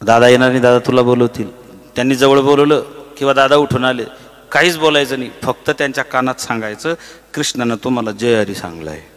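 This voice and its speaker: Speaking in a large hall, this man preaches a devotional kirtan through storytelling, full of animation. His mid-range voice moves a little fast as he gives each character a voice and breaks out into sung chant.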